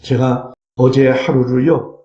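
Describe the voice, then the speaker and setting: A man's voice: medium pitch, little pitch movement, slow pace, dark tone, muffled recording. A man preaching a Sunday sermon as pastor, reading scripture aloud and breaking into fervent cries. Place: church sanctuary. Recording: echoey church sanctuary.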